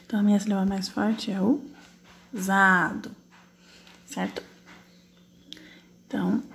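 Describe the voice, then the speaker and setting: A woman's voice: mid-range voice, vocal fry, mellow, slight background noise. A woman teacher, patiently correcting exercises in an online class, asking questions and answering them herself step by step. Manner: slow, drawn-out syllable spelling while typing.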